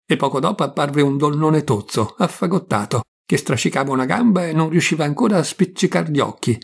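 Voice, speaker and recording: An Italian man reading a literary short story aloud in a measured, expressive way, with a husky, gravelly voice. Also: mid-range voice. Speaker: audiobook reader.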